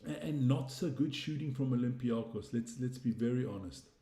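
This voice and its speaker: In a reverberant space, a South African-accented man hosts a laid-back live stream, wandering through sports statistics and reading viewers' comments aloud. He speaks at normal speed with a warm, medium-pitched voice.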